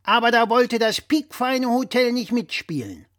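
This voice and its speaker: A man voicing a blustering, opinionated, old-fashioned father who lectures loudly and with emphasis. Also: extremely high pitch, expressive, measured pace, no echo, studio quality, voice pushed up, heavily acted.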